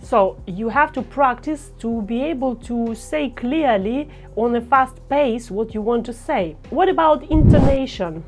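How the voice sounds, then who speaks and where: A woman speech coach talking to camera, with a careful, deliberate delivery and phrasing. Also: fairly high pitch, lively intonation, a little mellow, soft background music. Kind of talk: instructional talk to camera.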